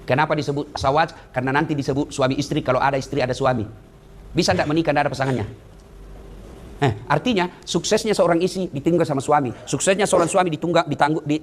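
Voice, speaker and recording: Fast, high-voiced joking preacher. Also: male voice, a little hiss or hum. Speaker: Islamic preacher. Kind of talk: humorous sermon.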